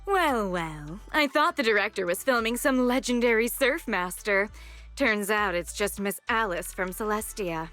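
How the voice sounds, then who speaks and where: A woman's voice: mid-range voice, lively intonation, measured pace, a bit bright, faint music behind. A woman playing a snobbish rich young heiress and sorority president in an anime game, condescending and mockingly polite. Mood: indignant, mocking.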